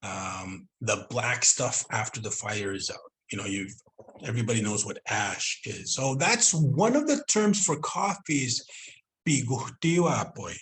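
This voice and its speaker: A man with a Northern Cree accent, giving an online cultural presentation on video call and talking in a relaxed, storytelling way with frequent "you know". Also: medium pitch, slight background noise. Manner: conversational, drawn-out storytelling with repeated "you know".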